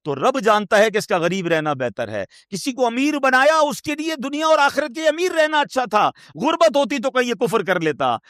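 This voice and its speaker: A man delivering a sermon as a preacher, emotive and rhetorical. He asks the listeners questions and swings from loud, high questions to low, quiet asides. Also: lively intonation, few pauses, no echo, clean studio sound.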